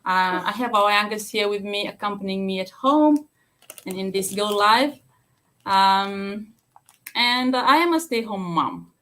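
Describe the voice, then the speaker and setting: A woman's voice: mid-range voice, lively intonation, measured pace, a bit bright. A woman from Fiji speaking on a live stream from her home, talking hesitantly with many fillers and restarts.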